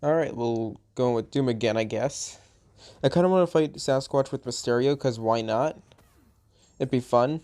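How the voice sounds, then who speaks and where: A man's voice: mid-range voice, moderate pace, darkish tone. Tired-sounding man narrating gameplay casually. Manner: rambling, chatty, self-correcting. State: a little tired. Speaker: gaming channel host.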